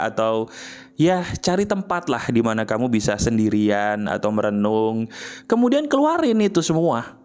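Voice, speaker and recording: A man giving a motivational monologue straight to the listener. He coaxes and repeats himself, asks rhetorical questions, and swings between soft low murmurs and high emphatic bursts. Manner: intimate, coaxing, with frequent repetition and rhetorical questions. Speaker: motivational speaker.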